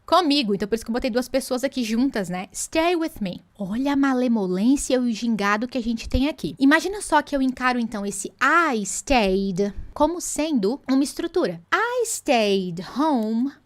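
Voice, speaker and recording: Lively woman teaching English. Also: a little high. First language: Portuguese. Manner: lively, playful teacher, slows phrases down to demonstrate. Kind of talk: online English lesson.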